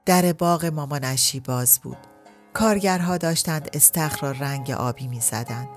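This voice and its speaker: A woman narrating a literary story as an audiobook, reading at a measured pace. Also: sits low, soft background music.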